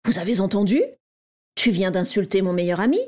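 A woman's voice: medium pitch, fairly quick, dark tone, natural voice. A woman voicing a cocky, mocking schoolboy who bullies a younger pupil, in a raised, taunting voice. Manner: taunting, showy.

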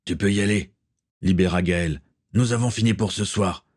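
A man voicing a ship's captain who lays out a plan in a steady, authoritative way. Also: fairly low pitch, moderate pace, lightly acted. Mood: serious. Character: ship captain, calm, commanding man.

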